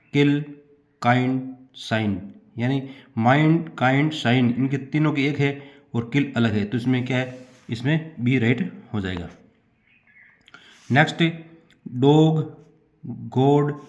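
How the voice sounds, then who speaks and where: A male teacher with a Hindi accent, working through a solved exam paper one question at a time. He reads each English prompt slowly, then explains it and repeats the answer. His voice sits at an ordinary pitch, and the recording sounds a little dull and lo-fi. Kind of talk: exam paper walkthrough lesson.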